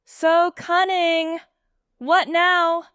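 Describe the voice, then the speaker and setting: A woman voicing a bold, impulsive teenage girl who shouts her lines. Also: extremely high pitch, little pitch movement, very slow, no echo, studio quality, voice pushed up, exaggerated voice. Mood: shouting.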